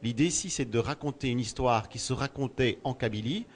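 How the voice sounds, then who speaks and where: Speaking a little fast in a mid-range voice, this storyteller, born in Belgium, gives considered answers during an interview outdoors at a festival. He tends to repeat words as he reaches for the next.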